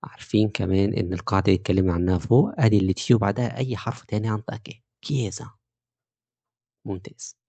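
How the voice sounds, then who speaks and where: A man with an Egyptian Arabic accent gives an Italian pronunciation lesson. He has a low, gravelly, mellow voice and walks through each rule patiently, slowly repeating example words. The sound is dry and close. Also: fairly even intonation, dry recording. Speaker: Italian teacher.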